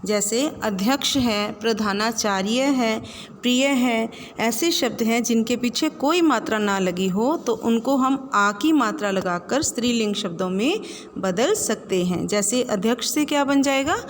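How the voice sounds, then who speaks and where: A woman's voice: a little high, animated, a little slow, in a large hall, a little hiss or hum. A woman teaching a Hindi grammar lesson, listing word examples one by one and checking in with a rising "है ना?". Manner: lists examples with frequent rising "है ना?" check-ins.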